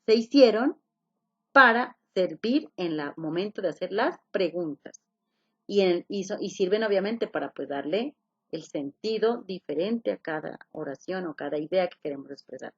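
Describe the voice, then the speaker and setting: A woman with a lowish, fairly bright, slightly rough voice teaches English via video call, her intonation lively and her speed normal. She explains things step by step with patience, repeats key points, and keeps asking questions, over audio that's a bit muffled.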